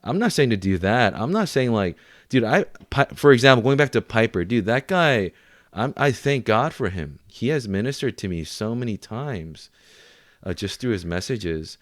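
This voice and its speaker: Clean studio sound with no room echo carries a man's mid-range voice, lively in intonation and moderate in pace. He co-hosts a podcast, chatting casually in informal, bro-ish slang.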